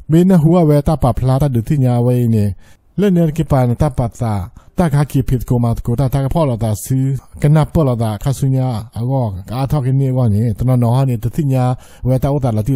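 Mellow-voiced man in casual chat. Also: medium pitch, dry recording, clean studio sound.

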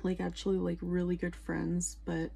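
A woman vlogger talking quietly late at night, rambling with lots of fillers. Her voice is low and husky, with heavy vocal fry. She keeps things casual and close to the mic. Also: completely flat delivery, moderate pace. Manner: talks quietly, rambling with frequent laughter.

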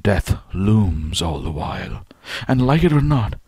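Reading a philosophical essay as an audiobook narrator, a man with a low, darkish, breathy-edged voice sounds very animated. His phrasing is deliberate and measured, leaning hard on key words, and the recording is dry and close with no room echo.

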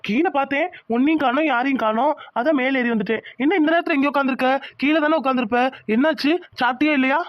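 A woman's voice: sits high, quick pace, hardly any pauses, muffled recording, natural voice. A woman voicing a caring young husband in a cartoon, who keeps pressing with questions and flares up when his wife is wronged. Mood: concerned. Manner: insistent questioning, fired up. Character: caring young husband, protective and quick-tempered. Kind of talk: cartoon voice acting.

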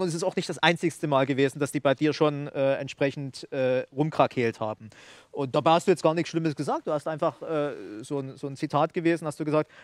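A man's voice: a little high, no room sound. A man hosting a talk show, commenting on news and leading into the next topic with some fillers.

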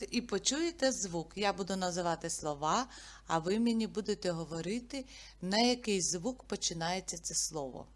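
A woman teaching a literacy lesson to young children, sounding out letters and syllables slowly and prompting them with questions. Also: mid-range voice. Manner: slow, careful enunciation of sounds and syllables.

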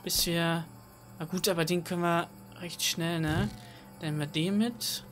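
A woman's voice: on the low side, fairly even intonation, moderate pace, soft background music. Chatty woman gaming at night. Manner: chatty, self-mocking, thinks aloud with many fillers. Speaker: let's play host. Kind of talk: casual gameplay commentary. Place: home room at night. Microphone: desk microphone.

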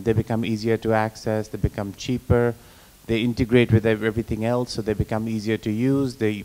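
A man's voice: lowish voice, dark tone, low-quality recording. A man in his forties speaking on a stage panel into a handheld mic, explaining with many restarts and fillers. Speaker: panelist, company president. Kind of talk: panel discussion.

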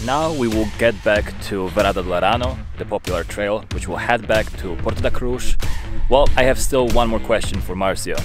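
A man's voice: fairly low pitch, brisk, hardly any pauses. A man in his thirties hosting a travel vlog, narrating to a camera held at arm's length on a mountain trail. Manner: upbeat, plain narration to camera. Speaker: travel vlogger and host. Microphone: handheld camera at arm's length. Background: guitar music.

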